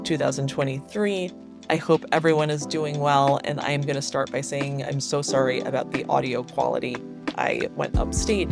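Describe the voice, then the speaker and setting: A woman hosting a solo news commentary show, speaking in an earnest, emphatic way and stressing points by repeating words, on low-quality audio made without her usual microphone in a family home. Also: vocal fry. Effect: low-quality audio recorded without her usual microphone. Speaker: podcast host and newsletter writer.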